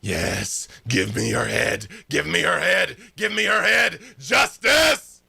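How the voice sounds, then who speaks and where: A man's voice: fairly high pitch, very animated, slow pace, creaky, sharp tone, voice pushed up, exaggerated voice. A man voicing a maniacal, bloodthirsty talking sword in a tabletop game, demanding and taunting. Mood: gleeful bloodlust. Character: maniacal, bloodthirsty, nagging sentient sword spirit.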